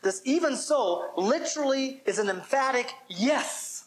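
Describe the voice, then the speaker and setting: A man's voice: very high-pitched, animated, measured pace, low-quality recording. A man preaching a sermon as pastor, emphatic and calling for responses from the congregation.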